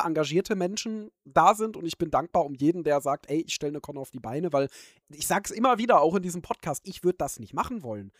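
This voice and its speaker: A man's voice: fairly high pitch, no echo, studio quality. A man hosting a podcast, talking thoughtfully with many fillers in casual chat. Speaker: podcast host.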